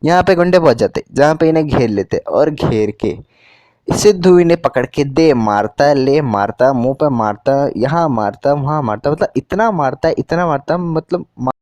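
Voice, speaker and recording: A man's voice: mid-range voice, lively intonation, normal speed, a little mellow, no echo. Slangy man retelling a movie. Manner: slangy, joking, acts out the dialogue. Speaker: movie recap narrator.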